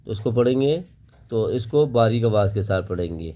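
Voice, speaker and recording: Man drilling Arabic letter sounds slowly. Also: fairly low pitch, lively intonation, dull audio. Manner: drawn-out syllable drills between explanations. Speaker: Quran reading teacher. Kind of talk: slow step-by-step recitation lesson.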